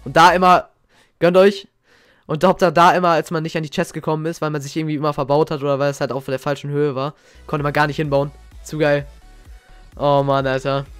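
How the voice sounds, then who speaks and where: A young man talks over old gaming clips in an excitable, slang-heavy way, looking back fondly. His voice sits a little higher than most men's. Faint game music plays quietly behind him. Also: brisk, clean tone, no echo. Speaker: gaming YouTuber. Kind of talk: casual reaction commentary.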